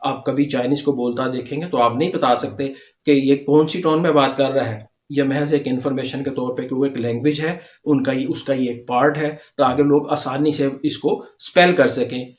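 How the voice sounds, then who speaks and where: A man's voice: mid-range voice, steady tone, moderate pace, darkish tone. A man, patiently explaining a language lesson step by step over slides. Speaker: language teacher. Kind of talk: slide-based video lesson.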